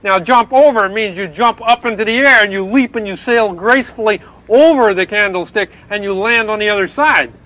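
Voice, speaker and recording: A man's voice: high-pitched, fairly quick, hardly any pauses, pushed and bright, low-quality recording. A man voicing a chipper male frog reporter in a puppet TV sketch, patient and explaining, with an announcer's manner. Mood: exasperated.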